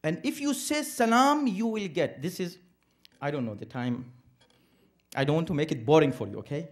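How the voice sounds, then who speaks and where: A man's voice: a little high, animated, moderate pace. A man speaking at an interfaith program, lecturing a live audience and asking rhetorical questions that he answers himself. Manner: emphatic, preacherly. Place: community center event.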